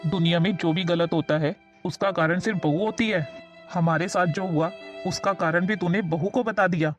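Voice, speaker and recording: A woman's voice: lowish voice, moderate pace, soft background music, lightly acted. A woman playing a stern but fair-minded older father-in-law who reproaches his wife and son. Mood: reproachful.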